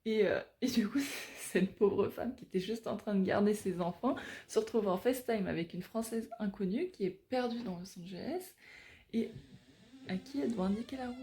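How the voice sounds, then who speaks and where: A woman's voice: medium pitch, mellow. A woman from France chatting casually in a travel vlog, telling stories in a rambling way with lots of fillers. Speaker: travel vlogger.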